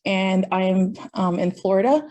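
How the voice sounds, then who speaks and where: A woman's voice: mid-range voice, normal speed, mellow. A young woman, recent graduate, introducing herself cheerfully on a video call with fillers. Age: young adult. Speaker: club secretary.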